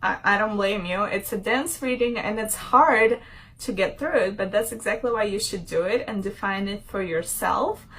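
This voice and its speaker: A woman's voice: mid-range voice, normal speed, fairly bright tone. A young woman from Ukraine talking casually to her channel in a rambling vlog, with frequent fillers and laughter. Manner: chatty, rambling, laughs often, many fillers. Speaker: vlogger.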